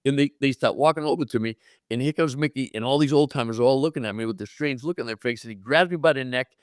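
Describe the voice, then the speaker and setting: Brief: older guest spinning a yarn, talks quickly, dry close sound, voices his quotes. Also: mid-range voice, no echo. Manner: animated, acts out quotes with raised voice. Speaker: guest, former pro ballplayer. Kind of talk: casual storytelling.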